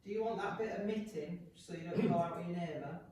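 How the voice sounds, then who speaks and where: A man's voice: sits high, fast talker, mellow. A man speaking informally as a member in a committee discussion. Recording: echoey room, distant mic, faint noise.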